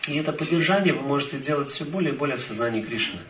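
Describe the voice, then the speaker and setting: A man interpreting a talk phrase by phrase, quickly following each line. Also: mid-range voice, animated, crowd noise. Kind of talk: consecutive interpreting. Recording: echoey hall, distant mic.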